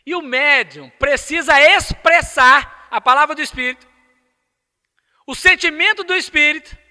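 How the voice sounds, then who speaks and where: A man's voice: very high voice, unhurried, bright, forceful tone. A man with a Brazilian accent giving a spiritist lecture, emphatic and asking the audience rhetorical questions. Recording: echoey lecture hall.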